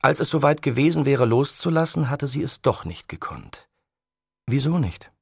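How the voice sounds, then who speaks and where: A man reading a novel aloud as narrator, in a calm, even storytelling manner. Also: medium pitch, normal speed, vocal fry, slightly rough, no echo, clean studio sound. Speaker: audiobook reader. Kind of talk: scripted narration.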